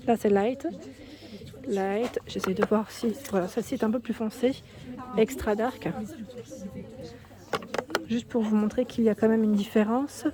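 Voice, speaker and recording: A woman with a French accent walks through a shop filming a vlog, reading out prices and chatting as she looks at products. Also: on the high side. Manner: chatty, reads prices aloud, thinks out loud. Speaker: shopping haul vlogger. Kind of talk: casual store walkthrough vlog. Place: indoors in a shop under ceiling spotlights.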